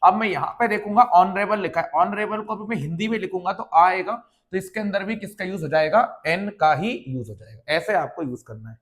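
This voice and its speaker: A man's voice: sits high, brisk, few pauses, a bit bright. A male English grammar teacher with a Hindi accent, explaining examples from slides to students in a classroom lesson style. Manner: addresses students as dear children, repeats "ठीक है ना".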